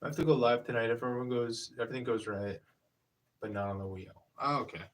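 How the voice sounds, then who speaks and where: On a casual live stream, a man in his thirties explains each step at his pottery wheel, rambling and hesitating as he goes. He speaks fast in a mid-range voice, and the microphone catches him from a distance.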